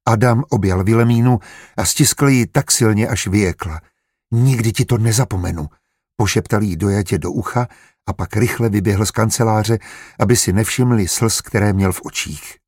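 Male audiobook narrator, low husky voice, dry close sound. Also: darkish tone, no echo. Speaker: audiobook reader. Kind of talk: scripted narration.

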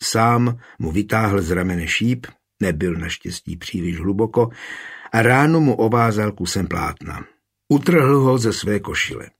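Husky-voiced male audiobook narrator. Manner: steady storytelling, raising pitch and volume for shouted dialogue. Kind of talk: scripted narration of a historical adventure novel.

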